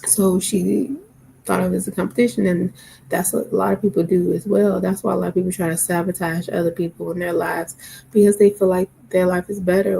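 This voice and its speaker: A woman's voice: on the low side, creaky, mellow, a little hiss or hum, rough recording. A tired, sleepy woman talking casually to camera, rambling with lots of fillers. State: sleepy, yawning.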